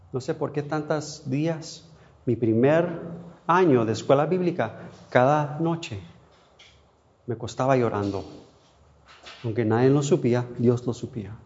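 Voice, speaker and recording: A man preaching a sermon, emotional, swinging between soft, quiet passages and sudden louder cries, with long pauses. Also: mid-range voice. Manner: non-native Spanish, asks how to say a word. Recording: dull lo-fi sound.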